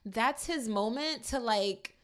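A woman's voice: a little high, slow. Easygoing woman guest on a chatty podcast, lots of likes and ums. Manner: relaxed, agreeable, trailing fillers. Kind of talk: casual chat.

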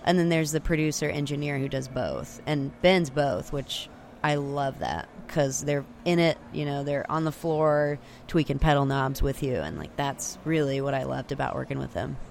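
A young singer-songwriter from Austin, Texas, chats casually as an interview guest, her talk full of fillers, frequent "like," and restarts. Her voice is extremely low and creaky with a darkish tone, at normal speed with few pauses. Recorded remotely on a handheld recorder with external mics, there's a little hiss or hum.

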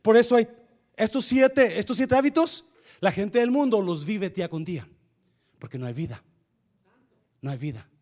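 A man preaching a sermon as pastor, swinging from quiet asides to shouted preaching and slipping in English words. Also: sits high, animated, moderate pace, pauses often. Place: church.

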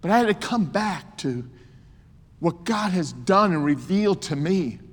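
A man's voice: high voice, expressive, unhurried. A man in his sixties preaching a sermon with emphasis and joking asides. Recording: long hall reverb.

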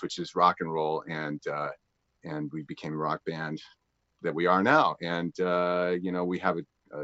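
A man's voice: sits low, fairly bright tone, no echo. A man from the Los Angeles area, a rock band frontman, talking about his band with dry humor in an interview. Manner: dry, wry humor, chatty. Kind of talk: interview chat. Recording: dry, slightly dull remote audio.

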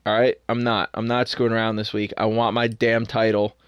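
A young man co-hosting a podcast in a casual sports chat, opinionated and animated. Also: fairly low pitch, clean tone, no room sound, dull audio. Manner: opinionated, animated, quick asides. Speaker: podcast co-host.

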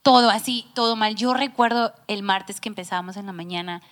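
A woman's voice: medium pitch, a little fast, fairly bright tone. A woman, a church worship singer, tells a heartfelt personal testimony in casual talk among church staff, sometimes dropping to a near whisper. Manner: emotional storytelling, drops to near whisper at times.

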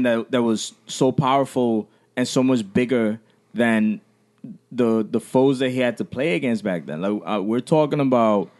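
This is an American man with a medium-pitched voice in a casual podcast debate. He builds his points haltingly, repeating words and dropping in swearing. He often checks that the listener follows him. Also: darkish tone. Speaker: podcast co-host.

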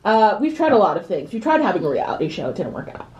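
A woman's voice: medium pitch, big pitch swings, fast talker, darkish tone, echoey room, dull audio. A young woman co-hosting a podcast in casual group chat, rambling and laughing with lots of restarts. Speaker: podcast co-host.

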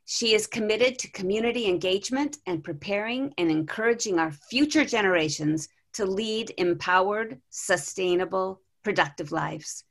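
A woman hosting a podcast, reading guest introductions in a measured way and then asking questions. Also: mid-range voice. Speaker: podcast host.

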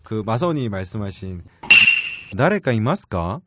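A man's voice: lowish voice, big pitch swings, moderate pace, heavy background noise. A man co-hosting a casual Japanese lesson podcast, explaining earnestly and laughing off his partner's jokes. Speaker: co-host teaching Japanese.

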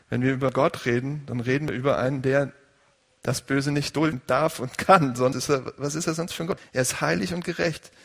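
Male pastor, gravelly voice, conversational sermon, recorded in a reverberant church hall. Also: medium pitch. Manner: conversational preaching, asks the congregation questions.

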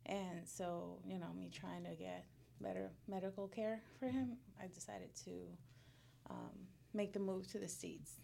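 A woman in her thirties from Puerto Rico, speaking in a mid-pitched voice with a gravelly edge. She talks as an interview guest, halting and restarting, and laughs often. Faint room ambience sits behind her. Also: dark tone, slight background noise. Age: 30s. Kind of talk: casual interview.

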